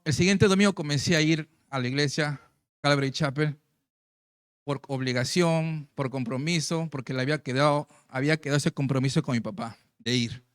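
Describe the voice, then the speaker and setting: High-voiced man preaching a testimony. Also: a bit bright, no room sound, clean studio sound. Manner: storytelling, acts out quoted voices. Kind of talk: sermon testimony.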